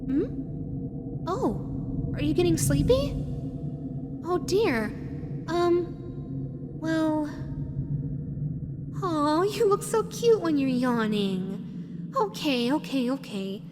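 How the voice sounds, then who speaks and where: A woman gives a full character voice to a sweet, teasing female animatronic fox built for children, speaking intimately to the listener in a roleplay. Her high, sing-song voice moves extremely slowly with long pauses, cooing playfully and coaxingly before drifting into wistful musing. Music plays amid heavy background noise and a long, reverberant hall echo.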